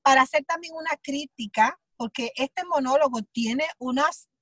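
This Puerto Rican actress, a guest in a conversational interview, has a high voice, a Puerto Rican accent and a moderate pace. She tells anecdotes with animated storytelling, acting out her own thoughts in quotes as she goes, and the studio-quality audio carries no room sound.

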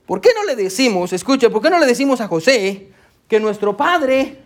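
A pastor in full sermon mode, lively and humorous. The voice sits at an ordinary middle pitch. The speaker keeps pulling listeners in with repeated calls to listen and a steady stream of amén. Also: normal speed. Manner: animated, tells the story with acted voices and humor; keeps checking in with the congregation, frequent amén.

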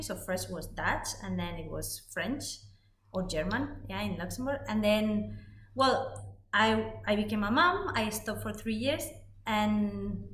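A woman in her forties from Spain, speaking English with a Spanish accent as her second language, calmly telling her story as a podcast guest and executive coach. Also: mid-range voice. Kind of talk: conversational interview. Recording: roomy sound with faint noise.

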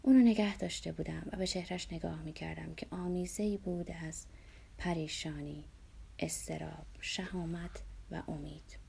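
A woman reading a memoir aloud in a measured, somber way, dropping to a hush at times. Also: on the low side, fairly even intonation, vocal fry, slight background noise. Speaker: narrator. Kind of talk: scripted narration of a memoir.

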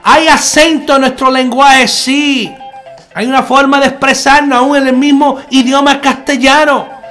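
Man, very high voice, earnest preacher, conversational sermon, repeats phrases, faint background music. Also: fairly even intonation, unhurried, sharp tone. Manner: earnest, repeats key phrases, addresses listener as brother. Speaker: Messianic preacher.

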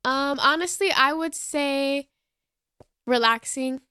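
A woman's voice: high voice, slow pace, bright, forceful tone, no echo, clean studio sound. A nineteen-year-old woman from the United States, answering hesitantly and candidly as a podcast guest. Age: teens. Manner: hesitant, candid, with many ums. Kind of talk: casual podcast interview.

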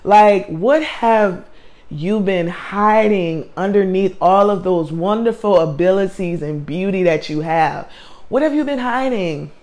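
A woman's voice: mid-range voice, unhurried, a little mellow. Woman, Southern US country accent, life coach hosting a podcast; casual, emphatic motivational chat. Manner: chatty and emphatic, often says "man" and "like". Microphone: podcast or livestream mic.

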